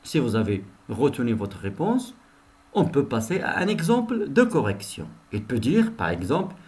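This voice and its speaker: A man's voice: medium pitch, very animated, moderate pace, darkish tone. A male teacher giving a recorded lesson, repeating each sentence and explaining it to his pupils, whom he addresses directly.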